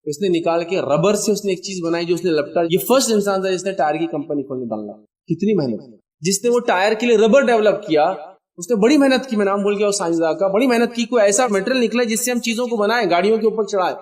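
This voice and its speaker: Emphatic male lecturer, higher pitch. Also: recorded from a distance. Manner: emphatic, exhorting, mixes English words into Urdu. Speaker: religious lecturer. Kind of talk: motivational lecture.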